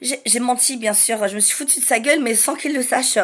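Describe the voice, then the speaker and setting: A woman with a notably high voice tells a personal story straight to the listener. Her delivery is halting and full of restarts, and she acts out the dialogue as she goes. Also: a bit bright. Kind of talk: personal testimony to camera.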